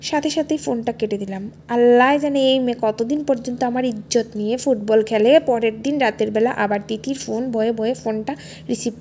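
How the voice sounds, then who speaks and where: A woman narrating a romantic audio story aloud in a lively first-person storytelling manner. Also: a little high, fairly quick, slight background noise.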